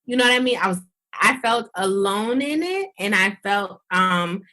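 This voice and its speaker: Animated, candid woman doctor. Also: medium pitch, normal speed. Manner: animated, candid, laughs often. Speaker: doctor, guest. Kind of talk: casual interview chat.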